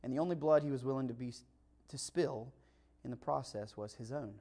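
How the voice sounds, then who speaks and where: A pastor with a mid-range, mellow voice delivers a brisk, conversational Christmas sermon. He speaks emphatically and leans on rhetorical questions.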